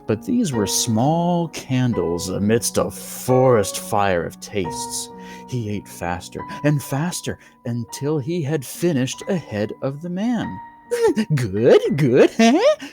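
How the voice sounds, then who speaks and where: Slow, theatrical horror story narrator. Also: mid-range voice, expressive, over music. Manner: theatrical, dramatic. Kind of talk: scripted creepypasta horror narration.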